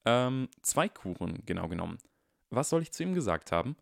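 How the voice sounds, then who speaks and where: A man voicing a calm, clever young wizard boy who talks politely with dry wit. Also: mid-range voice, fairly quick, vocal fry, no echo, pitched above the performer's own voice. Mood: musing.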